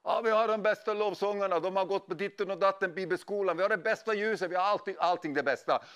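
A middle-aged man preaching a sermon, telling stories in an animated way with casual slang. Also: high-pitched, clear, resonant tone. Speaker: pastor. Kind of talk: sermon with storytelling.

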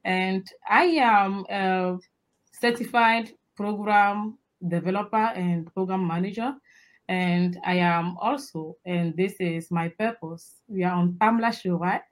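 A woman's voice: medium pitch, fairly even intonation, unhurried, rough recording. A woman from Togo with a Togolese accent, introducing herself conversationally as a guest in an interview. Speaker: guest, advocate and trainer.

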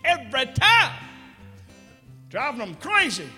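A man spins folksy jokes in a rambling, drawn-out manner, his voice high and sharply bright. The sound fills an echoing hall, with a guitar played softly behind. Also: huge pitch swings. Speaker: comedic storyteller. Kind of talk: live stand-up joke telling.

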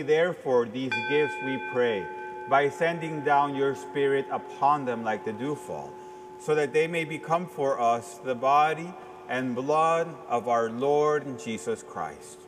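A man speaking as a priest at Mass, reciting liturgical prayers in a measured, formal way with a cathedral-like echo. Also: mid-range voice. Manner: measured, formal delivery in short phrases. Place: large reverberant church. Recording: cathedral-like echo, long church reverb, background noise.

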